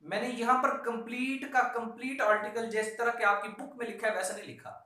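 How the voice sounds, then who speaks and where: Very high-pitched, pushed and bright, and fairly quick with fairly even intonation, this man's voice has a Pakistani accent as he gives an emphatic law lecture to exam students. He repeats key instructions and mixes in English terms, in an echoey whiteboard room recorded with a distant mic.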